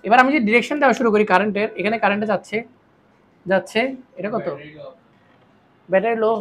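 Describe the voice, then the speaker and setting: A tired woman gives a classroom physics lecture on solving circuit problems, posing questions to the class and then answering them herself. Her mid-range voice is fairly bright, and she speaks fast.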